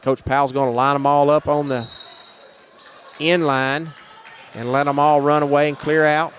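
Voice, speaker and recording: A man doing live play-by-play commentary on a basketball game, brisk and matter-of-fact, raising his voice on big plays. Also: fairly high pitch, level tone, fairly bright tone, a little hiss or hum. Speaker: play-by-play announcer.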